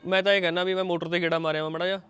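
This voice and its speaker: An actor playing a frustrated grown son arguing with his mother, speaking quickly with a mocking Punjabi manner. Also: sits high, flat delivery, fairly bright tone, smooth, no echo, soft background music.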